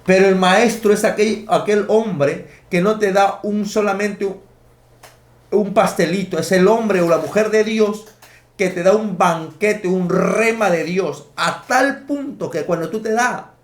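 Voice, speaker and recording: A man's voice: sits high, a little slow. A man preaching a sermon, teaching emphatically and counting out his points. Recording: echoey room.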